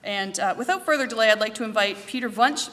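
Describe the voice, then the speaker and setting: This female event host, heard with a long reverb tail, has a slightly high and fairly bright voice. She stands at a podium mic in a big conference hall that at times cuts off, delivering opening remarks: a brisk, formal run of sponsor thank-yous followed by a welcome.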